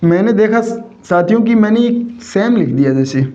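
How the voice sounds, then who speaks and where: In a classroom vocabulary lesson, a high-voiced male teacher sounds animated yet dark in tone. He constantly poses rhetorical questions, addresses the class as companions, and drags out spelled words and examples slowly. The room is echoey, and the sound is roomy and slightly dull.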